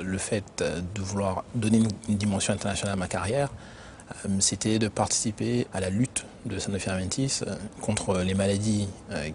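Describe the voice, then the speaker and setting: A man who grew up in Benin, an internal auditor answering interview questions in a measured, explanatory way with frequent hesitations. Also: fairly low pitch, darkish tone, slight background noise. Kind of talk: corporate career interview.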